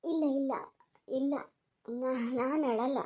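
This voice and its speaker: Woman playing a cartoon daughter-in-law, Malnad Kannada accent, high voice, soft pleading, soothing. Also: fairly even intonation, takes it slowly. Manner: pleading, reassuring. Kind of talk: cartoon voice acting.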